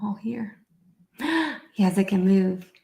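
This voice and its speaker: A woman's voice: mid-range voice, animated, takes it slowly, creaky, roomy sound, noisy background. A woman raised in Brazil, hosting a live online session as a therapist, chatty and upbeat while she sets up her screen. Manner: chatty and upbeat, thinking aloud while fixing screen sharing. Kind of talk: casual live-stream presentation.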